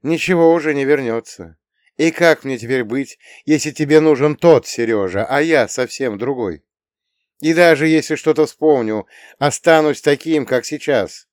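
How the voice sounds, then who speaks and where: A man's voice: medium pitch, moderate pace, dry recording, studio quality, voice pushed up, close to an everyday voice. A male audiobook reader voicing an earnest, pleading boy who carries an adult mind. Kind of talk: audiobook character reading.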